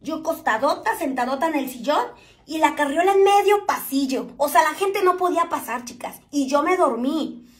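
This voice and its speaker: High-pitched mexican woman doing her makeup on a live, joking around and gossiping with the chicas. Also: expressive, moderate pace. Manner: chatty, joking, calls viewers "chicas". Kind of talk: casual chat to viewers.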